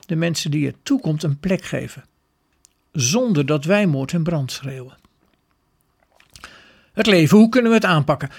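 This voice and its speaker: A man reading a scripted religious story in a measured, expressive way. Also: a little high, gravelly.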